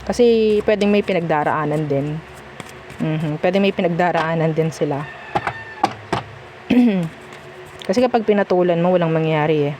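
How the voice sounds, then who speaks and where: A woman's voice: on the low side, moderate pace, pauses often, noisy background. A woman with a Filipino accent giving a casual tarot reading, chatty and reassuring, often checking in with "okay?". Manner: chatty, reassuring, mixes Tagalog and English, frequent "okay?". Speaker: tarot reader.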